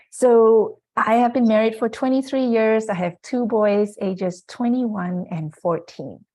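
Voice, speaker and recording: A woman's voice: medium pitch, a little mellow. A woman in her forties from Malaysia giving an earnest, reflective presentation about her life and work, with frequent fillers. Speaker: guest speaker. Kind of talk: presentation talk.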